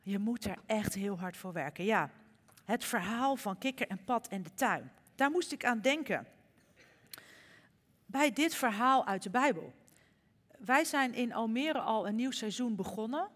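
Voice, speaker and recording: A woman's voice: fairly high pitch, animated, unhurried, a bit bright. A woman from the Netherlands preaching a sermon in a chatty, storytelling way, with frequent fillers. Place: church service. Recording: reverberant church hall.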